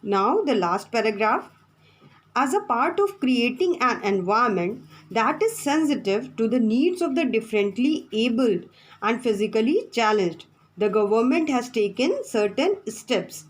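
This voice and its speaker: A woman's voice: fairly high pitch, very animated, unhurried, poor audio. A woman teacher, giving a classroom lesson from the textbook, repeating her points and spelling out words.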